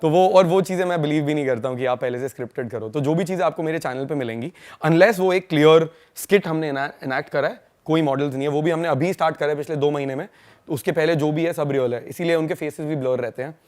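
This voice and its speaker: A young man from India, a podcast guest, telling stories in a fast, slangy, casual way and laughing along. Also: fairly high pitch, darkish tone. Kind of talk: casual storytelling chat.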